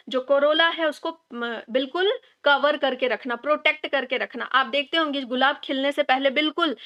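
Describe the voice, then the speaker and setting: A woman's voice: high voice, bright, forceful tone. A woman teaching a biology revision lesson. She mixes English terms into her speech, asks her own questions, answers them, and repeats the key words. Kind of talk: exam revision lecture.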